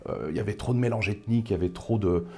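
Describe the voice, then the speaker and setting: Man, 30s, from the Paris suburbs, interview guest, low warm voice, hesitant. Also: rapid-fire, slightly rough. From Paris suburbs, France. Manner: thoughtful, hesitant with frequent fillers. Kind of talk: casual interview.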